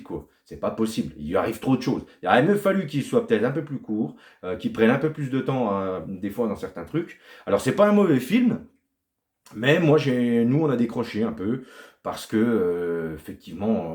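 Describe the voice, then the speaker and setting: A man talks through a film review in a loose, rambling way, his pitch leaping up and sinking low as he piles on repeated words. The sound is roomy, with a clear echo around his voice. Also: a little mellow. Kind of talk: casual spoken film review.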